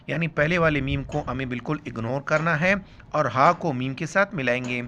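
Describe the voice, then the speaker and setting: A man teaching Quran recitation rules, explaining letter by letter and then reciting words slowly and drawn out. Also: medium pitch, a bit bright, a little hiss or hum.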